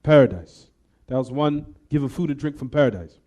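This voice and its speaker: This male Islamic teacher has a warm, expressive, mid-range voice and talks a little fast. He leads a hadith lesson in English with Arabic recitation, regularly testing the class with "what?" questions.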